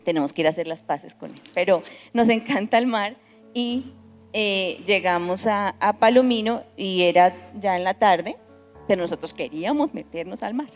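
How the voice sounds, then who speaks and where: A woman's voice: mid-range voice, normal speed, faint music behind. Woman telling a story in an echoey hall. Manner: animated storytelling, frequent restarts. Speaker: pastor. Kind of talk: testimony at a church service.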